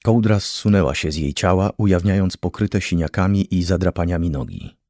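Male audiobook narrator, very deep voice, dry studio sound, steady and grave. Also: a little fast, no room sound. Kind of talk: scripted narration.

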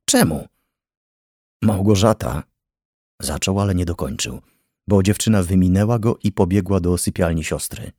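A man narrating an audiobook thriller with a measured, tense reading. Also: low-pitched, warm tone, no echo, studio quality. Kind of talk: scripted narration.

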